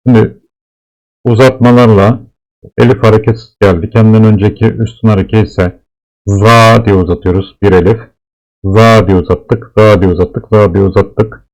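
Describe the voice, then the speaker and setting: A man teaching Arabic letters, explaining slowly and patiently and repeating each sound several times. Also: on the low side, fairly even intonation, darkish tone, low-quality recording. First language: Turkish. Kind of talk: slow classroom explanation of letters.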